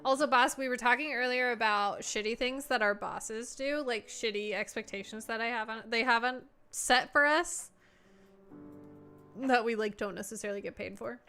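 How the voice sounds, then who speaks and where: Bright-voiced young woman cooing at her dog. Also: a little high, normal speed, clean tone, soft background music. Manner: laughs often, coos praise at her dog. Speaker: live streamer. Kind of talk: casual stream chat. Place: at home. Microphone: desk streaming mic.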